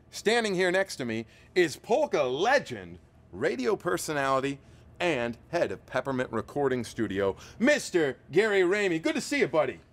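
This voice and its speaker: A man hosting a TV music show, narrating and talking to guests in an upbeat, folksy way. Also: a little high. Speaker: host and band member.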